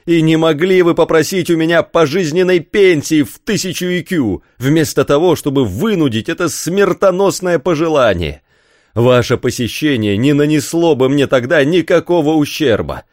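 A man reading aloud voices a tormented, volatile young man who breaks into strained shouting. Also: on the low side, sing-song, normal speed, no echo, clean studio sound. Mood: furious. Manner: outbursts of raised, strained shouting.

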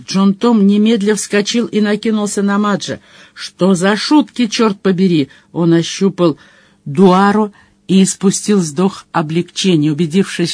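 An audiobook narrator reading a fantasy adventure in even, measured storytelling. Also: mid-range voice, no room sound. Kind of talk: scripted narration.

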